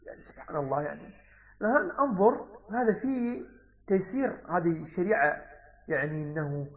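A man's voice: a little high, lively intonation, a little fast, in a large hall. A man giving a religious lesson, explaining texts and repeating key words, shifting between dialect and formal speech. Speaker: Islamic teacher. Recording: dull lo-fi recording.

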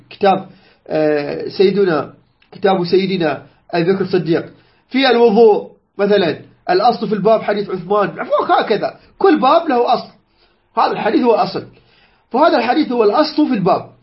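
A man teaching a lesson on jurisprudence, explaining a text unhurriedly, repeating key phrases and pausing with drawn-out "aah" sounds. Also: sits high, highs cut off.

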